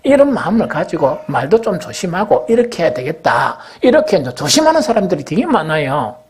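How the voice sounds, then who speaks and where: A middle-aged man, preaching a sermon as senior pastor. He asks the congregation questions and answers them himself, pushing some phrases up loudly and letting others drop low. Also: sing-song, brisk, a little hiss or hum. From South Korea. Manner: swings between raised, emphatic phrases and low, dropped endings.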